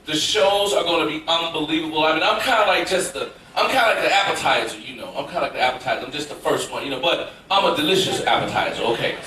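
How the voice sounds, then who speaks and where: High-voiced comedian working a crowd. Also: male voice, lively intonation, fast talker, hardly any pauses, a little hiss or hum. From Memphis, Tennessee, US. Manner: loud, hyped, playful, shouting to the crowd. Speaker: stand-up comedian. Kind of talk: stand-up crowd work. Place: cruise ship theater, live show. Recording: echoey live theater from far off, loud crowd.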